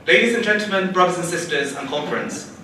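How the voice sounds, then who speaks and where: A young man from the United Kingdom giving a prepared, rhetorical conference speech with measured repetitions. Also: high voice, lively intonation, sharp tone, a little hiss or hum. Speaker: conference panelist, local election candidate. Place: large conference hall. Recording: distant, echoey hall.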